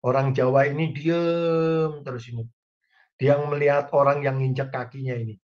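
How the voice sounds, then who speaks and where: A man's voice: medium pitch, fairly even intonation, moderate pace, a little mellow, highs cut off. A man preaching a sermon as pastor, speaking straight to the congregation with folksy, humorous examples. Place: church online service.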